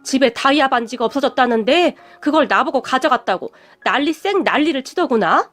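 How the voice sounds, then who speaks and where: A woman's voice: sits high, expressive, a little fast, a bit bright. A woman voicing a weary, proud middle-aged mother who works as a housekeeper, talking in a stubborn, sighing way. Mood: indignant.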